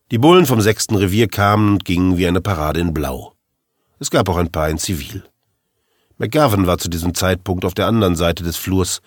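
A man with a very low voice reads a first-person crime story aloud. His delivery is dry and wry, like a deadpan storyteller. The recording is close and dry, with no room sound. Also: no room sound. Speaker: narrator. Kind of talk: scripted audiobook narration.

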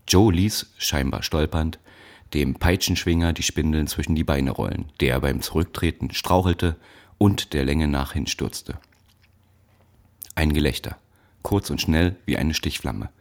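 A man reading a story aloud in a measured, dramatic narrating manner. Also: extremely low pitch. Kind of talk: audiobook narration.

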